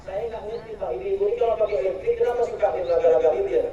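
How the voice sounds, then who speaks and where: A jokey, storytelling preacher, a man, speaks straight to his audience in a high, mellow voice. He sounds picked up from a distance in an echoey room. The recording is dull and lo-fi. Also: racing. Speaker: Islamic preacher. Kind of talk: lively humorous sermon. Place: school religious gathering.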